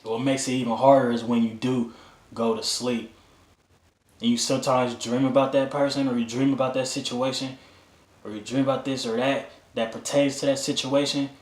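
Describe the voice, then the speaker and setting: A man's voice: medium pitch, little pitch movement, normal speed. A man telling a personal story to his own camera, emotional and candid, repeating himself and using casual slang. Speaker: vlogger. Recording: roomy echo.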